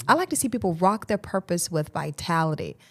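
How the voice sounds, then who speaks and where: A woman's voice: fairly low pitch, expressive, brisk. A woman guest on a podcast answering questions in an upbeat, polished, speech-like way. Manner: upbeat, self-promoting, speech-like delivery. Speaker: podcast guest, wellness CEO. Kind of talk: interview answers.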